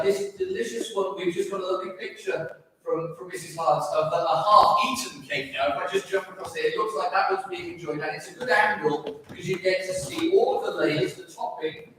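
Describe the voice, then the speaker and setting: A man's voice: sits high, normal speed, fairly bright tone, a little hiss or hum. A man hosting a staff bake-off, chatting cheerfully as he tastes the cakes and talks with his mouth full. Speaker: host judging a staff bake-off. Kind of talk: live-streamed commentary. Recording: echoey hall, far from the mic.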